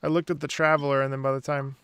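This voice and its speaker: A game streamer chats casually on a livestream, blunt and swearing constantly, in a fast, flat, mid-range voice with a fairly bright tone. Video game music plays behind him, with slight background noise.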